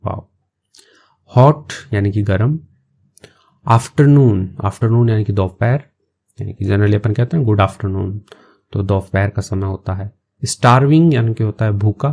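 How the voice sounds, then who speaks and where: Gravelly-voiced man teaching English. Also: lowish voice, dark tone. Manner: slow, patient word-by-word explanations. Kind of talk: explaining an English story in Hindi.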